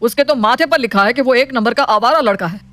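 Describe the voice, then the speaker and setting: A woman voicing a strict, proud, wealthy middle-aged father in an animated storybook, scolding and commanding. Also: on the high side, brisk, natural voice. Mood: stern.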